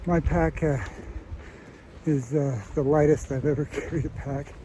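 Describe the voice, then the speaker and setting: A man vlogging from a mountain trail while ill and weak, speaking haltingly with many fillers. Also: on the high side, steady tone, background noise. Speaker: hiking vlogger. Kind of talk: casual trail vlog talk to camera.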